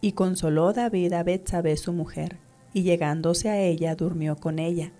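A woman reading scripture aloud in a measured, even way. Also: lowish voice, soft background music. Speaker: scripture reader.

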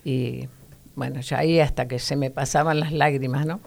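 A woman's voice: very deep voice, normal speed, creaky. A middle-aged woman, telling a childhood story as an interview guest and acting out the voices in it. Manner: animated storyteller, voices her childhood self and sister. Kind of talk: personal testimony in casual interview.

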